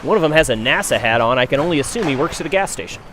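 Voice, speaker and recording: A man trades wisecracks and deadpan one-liners while doing color commentary on a hockey game. His voice is a little high and swings widely in pitch. A faint background noise sits behind him. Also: rapid-fire. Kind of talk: casual comedic color commentary.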